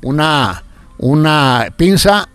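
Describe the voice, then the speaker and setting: A man's voice: fairly high pitch, lively intonation, fairly bright tone, clean tone, no echo. An older man, a radio announcer, talking in a casual interview and often stumbling and repeating words. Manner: halting, repeats words after a stroke.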